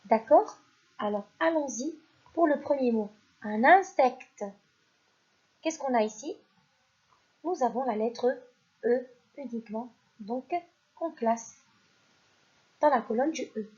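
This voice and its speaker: A woman teacher goes slowly through a phonics lesson for young pupils. She says every word twice, stressing it, and her voice is mellow and a little husky. The recording sounds dull and lo-fi. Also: a little high. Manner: slow and deliberate, repeats each word and stresses it louder; addresses pupils directly, praising them. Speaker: primary school teacher.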